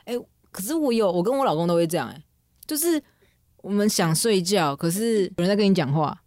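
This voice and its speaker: Host, woman, quick frank chatter, dry studio sound. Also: mid-range voice, expressive, darkish tone, no room sound. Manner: chatty, frank, swears casually. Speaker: podcast host. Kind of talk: casual chat. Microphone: studio mic.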